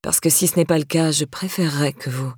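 A woman voicing a grieving young woman whose voice is raspy and tired, speaking curtly. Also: sits low, fairly even intonation, a little fast, darkish tone, dry recording, studio quality. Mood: irritated. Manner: curt, irritated.

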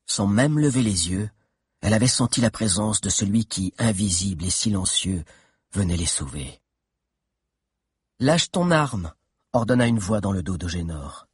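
A man reading a children's adventure novel aloud in a steady, dramatic narration with tense pauses. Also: sits low, breathy edge, dry recording, clean studio sound. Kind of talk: audiobook narration.

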